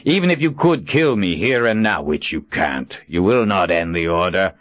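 A man voicing a cruel, smug emperor with a grating, impudent voice and a slow, smirking, condescending delivery. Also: deep voice, lively intonation, fairly bright tone, no echo, dull audio. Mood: contemptuous. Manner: smirking, condescending, drawn-out words. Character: cruel, smug male emperor who mocks his captor.

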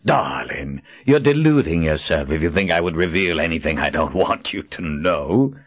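A man voicing a cruel, smug emperor with a grating, impudent voice and a slow, smirking, condescending delivery. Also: rumbling low, lively intonation, slightly rough, no echo, highs cut off, full character voice. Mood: taunting. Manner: smirking, condescending, drawn-out words. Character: cruel, smug male emperor who mocks his captor.

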